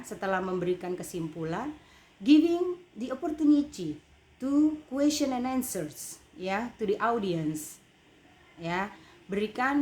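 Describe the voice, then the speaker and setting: A woman teacher with an Indonesian accent walks through a lesson step by step, repeating each point in two languages. Her voice sits at a middle pitch. A faint hum of noise runs underneath. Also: a little mellow. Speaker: English teacher. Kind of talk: bilingual online lesson.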